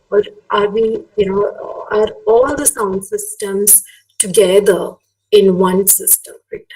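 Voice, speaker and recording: An academic guest lecturer, a native Malayalam speaker with a Malayali Indian English accent, gives a conversational, explanatory webinar talk in a mid-range voice. She often checks for agreement with tag questions, and the online webinar audio sounds as if it's picked up by a distant microphone.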